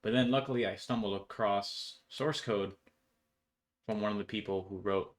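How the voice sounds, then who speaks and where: A young programmer sits in a room at home, presenting his project through an informal, offhand code walkthrough full of slang. His voice is fairly low and his pace moderate.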